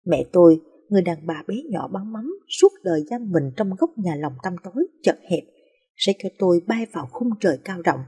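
Give me a woman with a warm, mellow, breathy voice narrating touching life stories. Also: normal speed. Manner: soft, emotional storytelling with lively pitch. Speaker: storyteller.

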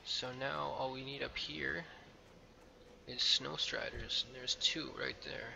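A man's voice: medium pitch, steady tone, takes it slowly, gravelly, pushed and bright, a little hiss or hum. A man hosting a let's play, talking casually over his game with frequent ums and a loose, rambling manner. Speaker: gameplay video host. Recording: game music playing behind.

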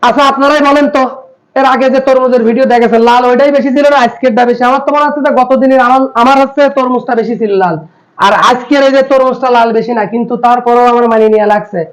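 Man, family vlogger, high voice, chatty and teasing, talks straight to his viewers. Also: steady tone, very fast, poor audio. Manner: chatty, teasing, repeats a catchphrase. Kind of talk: casual family vlog.

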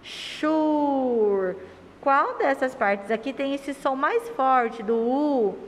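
A Brazilian woman teacher talks to young children in a slightly high, sing-song voice. She drags out syllables and keeps asking affectionate questions. The recording has a long room reverb and faint background noise. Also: expressive. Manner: sing-song, stretches words and syllables slowly. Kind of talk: remote lesson for young children.

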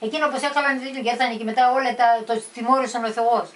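An older woman telling a story from memory in a halting way, with many restarts and repeated words. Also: fairly high pitch, steady tone, a crowd in the background. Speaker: storyteller recalling the past. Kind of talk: casual family storytelling. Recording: distant mic with faint background noise.

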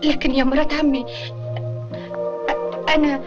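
Shy tearful young Egyptian woman, Egyptian Arabic accent, high voice, faltering speech, muffled old film sound, loud score. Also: little pitch movement, slow pace, loud music behind the voice. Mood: pleading. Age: young adult. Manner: hesitant, faltering, pleading. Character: timid, tearful young cousin, lovesick. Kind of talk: classic film acting.

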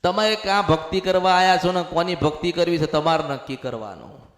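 A man's voice: on the high side, brisk, fairly bright tone. A man preaching as a temple medium, speaking as the mother goddess and repeating his exhortations over and over. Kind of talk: devotional sermon. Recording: echoey hall reverb.

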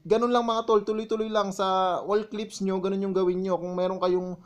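A man's voice: high voice, flat delivery, moderate pace. A man giving a casual tutorial voice-over, walking viewers step by step through editing his vlog. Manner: walks viewers step by step, often calling them "mga tol". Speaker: vlogger explaining his editing.

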